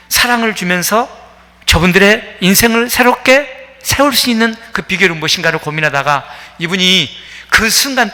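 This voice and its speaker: A man's voice: high voice, pushed and bright. A man preaching a sermon as pastor, telling a story with many fillers and acting out the quoted voices. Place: church sanctuary. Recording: long reverb of a church hall.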